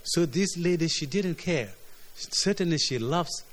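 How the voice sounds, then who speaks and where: A man from preaching a sermon, earnest, often repeating words as his voice swings between emphatic highs and quiet lows. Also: expressive, measured pace. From South Sudan. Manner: earnest, repeats words, rises and drops in pitch and loudness.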